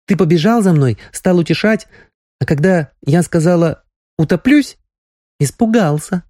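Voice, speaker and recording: A man doing a young village girl in love, high and lively, bouncing up and down in pitch with a soft, mellow tone. She's playful and quick to take offence, heard close and dry as in an audiobook. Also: no room sound. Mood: earnest, teasing. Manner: pleading, playful, raised girlish voice. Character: young lovestruck village woman, teasing and quick-tempered.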